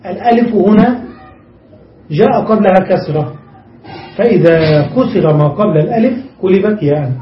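A man teaching an Arabic grammar lesson, reading from a text and explaining it step by step, repeating examples slowly. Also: sits high, lively intonation, a little hiss or hum. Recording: muffled, echoey room, mic far off.

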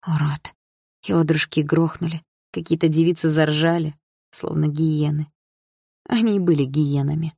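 A woman narrating a first-person novel as an audiobook, in a tense, steady manner. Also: low voice, normal speed, breathy edge, no echo, clean studio sound.

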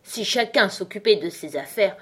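A woman voicing a rude, ill-tempered duchess with a hoarse, grumbling voice in a storybook reading. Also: mid-range voice, expressive, normal speed, fairly bright tone. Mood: curt. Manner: curt and snapping.

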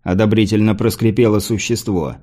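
Male audiobook narrator, measured fantasy reading, fairly low and dark-toned. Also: steady tone.

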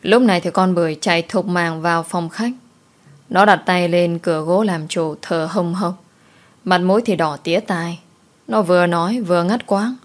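A woman narrating a folk story in an expressive, folksy storytelling manner. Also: lowish voice, normal speed.

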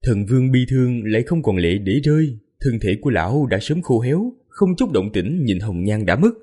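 Male audiobook narrator, dramatic and mournful, husky voice with a lively pitch. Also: fairly quick. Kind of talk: scripted narration.

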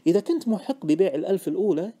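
A man narrating an audiobook in the first person with expressive storytelling. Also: high voice, very fast.

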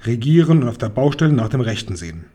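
A man's voice: medium pitch, sing-song, quick pace, warm tone, dull audio. A man voicing a pompous, grumpy pharaoh ruler in a children's audiobook, haughty and commanding.

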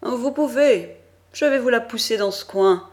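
A woman's voice: on the high side, expressive, darkish tone, pitched above the performer's own voice. Brusque male station clerk, read by a woman. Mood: gruffly helpful. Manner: quick, offhand, gruffly obliging. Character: brusque middle-aged male baggage clerk.

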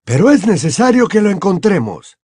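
A man voicing an old wizard headmaster who speaks firmly and with command, in a slightly husky voice. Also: high-pitched, sing-song, normal speed, darkish tone, dry recording, clean studio sound, pitched above the performer's own voice, heavily acted. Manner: firm and commanding. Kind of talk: audiobook character voice.

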